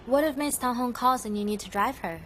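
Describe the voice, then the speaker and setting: A woman's voice: fairly high pitch, fairly quick, a bit bright, close to an everyday voice. An actress dubbing a nosy young daughter who teases her father, in an English dub of a TV drama. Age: young adult. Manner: teasing, nosy. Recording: faint background noise.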